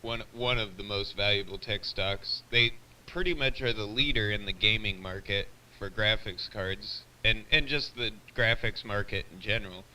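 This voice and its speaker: Over a live CB radio feed, a man chats casually in a plain-spoken, slightly grumbling manner. His voice is on the low side and sharp in tone at normal speed, and the sound comes through distant and hissy.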